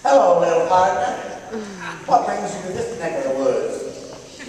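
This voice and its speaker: A woman's voice: lowish voice, very animated, a little slow, a little mellow, slight background noise. A woman playing a kindly ranch cook in a school stage play, talking in a folksy drawl. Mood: hearty. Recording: echoey hall from far off.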